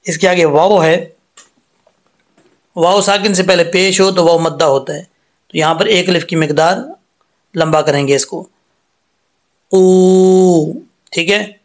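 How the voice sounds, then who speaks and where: A man teaching Quran recitation rules step by step, explaining patiently and reciting each word slowly with drawn-out vowels. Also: a little high. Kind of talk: step-by-step tajweed lesson.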